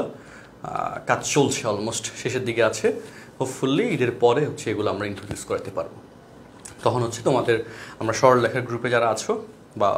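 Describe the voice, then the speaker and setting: A man's voice: medium pitch, a little hiss or hum. A young man with a Bangladeshi accent teaching an online math class in a chatty, digressive way, often checking in with his students. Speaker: math tutor. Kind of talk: casual online class talk.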